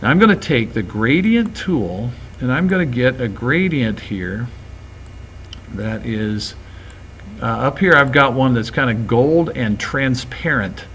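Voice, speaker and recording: A man of ordinary pitch walks through a screen-recorded software lesson, narrating each click in a relaxed, easygoing way. His voice sits close to a desktop mic with a faint hum of room ambience behind it. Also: a little slow. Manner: relaxed, talks through each step as he works. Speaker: graphics teacher.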